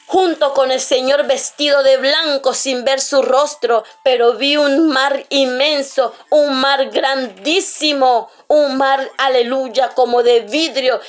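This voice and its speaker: Colombian woman preaching in church, kinda high voice, same tone the whole way, soft music behind. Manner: fervent, repeats "aleluya" and "amada iglesia". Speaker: preacher giving testimony. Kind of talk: sermon testimony.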